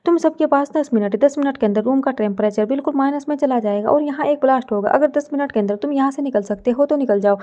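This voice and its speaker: A woman doing a calm male villain who speaks slowly and coolly, teasing his victims with quiet menace. The voice sits high and mellow, on a dull, lo-fi recording. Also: lightly acted. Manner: unhurried, cold, teasing.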